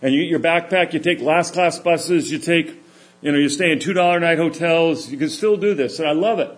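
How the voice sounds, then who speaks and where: A middle-aged man giving a sermon, telling stories in a relaxed, conversational way. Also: a little high, fairly quick. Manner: anecdotal, conversational storytelling. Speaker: preacher. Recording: echoey room.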